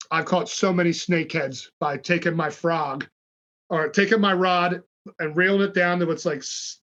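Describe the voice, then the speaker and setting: A man with a slightly high, bright and forceful voice tells a fishing story as a podcast guest. He swears freely and acts out what his buddies said. The audio is lo-fi and dull. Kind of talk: casual storytelling.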